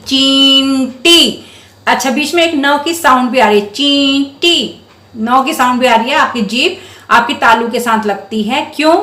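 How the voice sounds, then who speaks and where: A woman teacher with a fairly high voice speaks slowly to small children. She stretches each syllable as she sounds out words. The room around her is echoey. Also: a bit bright. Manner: patient and encouraging. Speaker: primary school Hindi teacher. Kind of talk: slow, clear teaching to young children.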